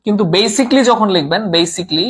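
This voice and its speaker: A man's voice: sits high, animated, moderate pace, fairly bright tone, slightly rough. A man teaching a live online class, repeating terms, asking and answering his own questions, and mixing English words into his talk. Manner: reads out viewer comments.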